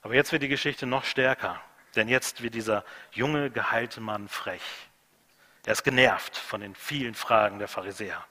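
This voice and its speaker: Bright-voiced male preacher in a reverberant hall. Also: medium pitch, moderate pace. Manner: emphatic, repeats key phrases, swings between loud and hushed. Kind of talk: sermon.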